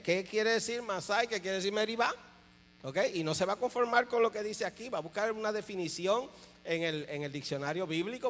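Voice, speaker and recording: A fairly high-voiced man leads a church teaching session for preachers. He lays out each point deliberately and leans hard on key words. The sound carries a long hall reverb with a faint electrical hum underneath. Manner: explains slowly, stresses key words, keeps checking in with 'ok?'.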